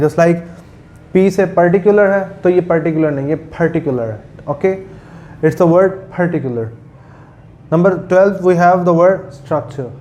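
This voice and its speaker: A man teaching pronunciation, repeating each word slowly and switching into Urdu-Hindi to explain. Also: sits high, dark tone. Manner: slow, repeats each word several times. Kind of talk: pronunciation lesson. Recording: faint background noise.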